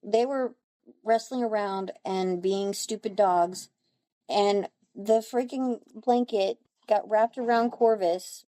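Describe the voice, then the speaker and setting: A woman co-hosts a podcast and tells stories in a wry, blunt way. Her voice is mellow and dark, and the sound is dry and close to the mic. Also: medium pitch, slow, no echo. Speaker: podcast co-host. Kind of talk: casual chat.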